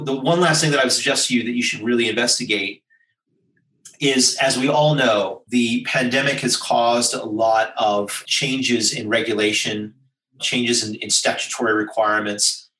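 Answering an interviewer's questions, an American executive dispenses forceful, persuasive advice, laying out points as lists. His bright mid-range voice is recorded from a distance, since he sits slightly back from the mic in a roomy space.

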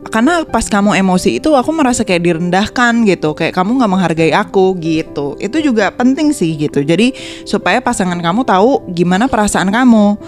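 A woman's voice: mid-range voice, animated, a little fast, soft background music. A woman co-hosting a casual podcast about relationships, conversational and full of fillers. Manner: conversational, lots of fillers and agreement. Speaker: podcast co-host.

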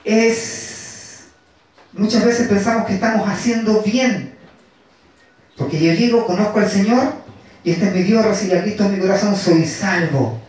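A man with a fairly high voice preaches a sermon, going back over scripture lines and slowing down to press them home. He sounds set back from the microphone in a strongly echoing hall. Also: darkish tone. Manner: repeats and dwells on scripture lines, slowing for emphasis. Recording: echoey room, voice from far off.

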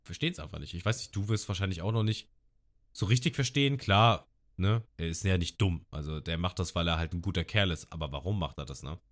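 Deep-voiced man retelling an anime episode. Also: fast talker. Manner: lively retelling, acting out quotes with shouts. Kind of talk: casual podcast chat.

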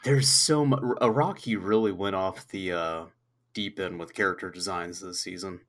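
A man's voice: sits low, normal speed. A man who is sick, his voice cracking a little, chatting loosely and jokingly as a podcast co-host, swearing casually. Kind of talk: casual chat recapping an anime episode.

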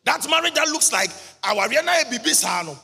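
A man preaching a sermon at a convention, in chanted, half-sung lines that burst into shouts. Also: extremely high pitch, very animated, fast talker, gravelly, husky. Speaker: prophet preaching. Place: large church or convention hall. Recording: reverberant hall with music behind.

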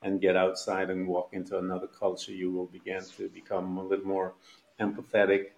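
A man's voice: sits low, completely flat delivery, brisk, darkish tone. A man from Guyana hosting a podcast interview, speaking in an encouraging, motivational way. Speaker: podcast host.

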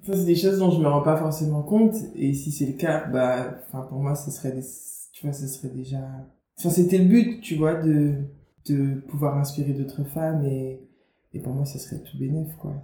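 A young woman from Guadeloupe, guest author and media founder, answers interview questions in a low, warm voice with a steady tone and normal speed. She is chatty, with many fillers and restarts. Faint background noise comes through a roomy recording.

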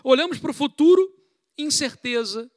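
A man delivers an impassioned sermon in a fairly high voice, rising to loud pleas and dropping to hushed asides. He reads scripture slowly and with weight. The sound is close and dry, with no room around it. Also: lively intonation, dry recording. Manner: impassioned preaching, shifting between loud pleas and low asides; reads scripture verses aloud slowly and emphatically. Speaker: pastor.

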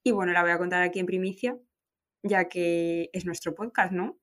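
A woman, co-hosting a podcast and telling a story in a casual, animated way, full of fillers and restarts. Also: fairly low pitch, moderate pace. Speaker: podcast co-host.

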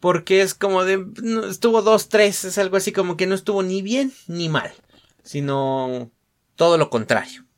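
A man's voice: sits high, moderate pace. A young man with a Mexican accent hosting a casual solo podcast, rambling and slangy, full of fillers and self-mocking asides. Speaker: podcast host.

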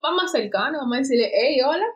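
Young woman, casual co-host, lively and expressive, a bit high-pitched. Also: rapid-fire. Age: young adult. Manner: animated, acts out quoted speech with big pitch jumps. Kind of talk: casual chat.

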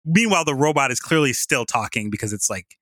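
A man's voice: medium pitch, fast talker, no room sound. A man co-hosting a podcast, retelling a funny story in a casual chat, acting out the quotes and laughing often. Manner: animated storyteller, acts out quotes, laughs a lot. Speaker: podcast co-host.

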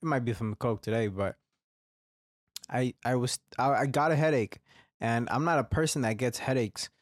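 Here a young man's mid-range voice moves at a moderate pace through a rambling solo podcast monologue full of swearing and restarts. A slight phlegmy congestion sits in his throat. It's a dry, studio-quality recording.

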